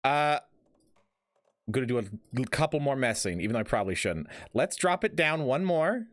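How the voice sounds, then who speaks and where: A man's voice: mid-range voice, sing-song, a little fast, no echo, clean studio sound. A man streaming a game with casual, playful commentary, muttering asides and chatting to viewers. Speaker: gaming streamer.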